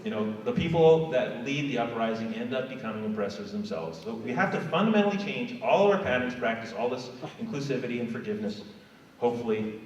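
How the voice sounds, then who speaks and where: A man's voice: medium pitch, lively intonation, fast talker, a little hiss or hum. A middle-aged man giving a fervent, conversational conference talk. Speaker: keynote speaker. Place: large conference hall. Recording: echoey hall, far from mic, dull.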